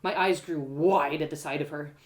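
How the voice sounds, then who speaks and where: In a low voice, a woman narrates a first-person fantasy story aloud in the manner of a live storyteller, expressive and pausing for drama.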